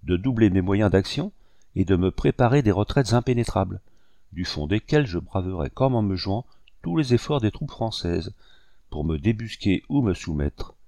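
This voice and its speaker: A proud rebel commander , put on by a man reading aloud, speaks with haughty, barely held-back menace. The voice is dark and low. The recording is dry and close. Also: expressive, moderate pace, no echo. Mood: stern. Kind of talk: audiobook character reading.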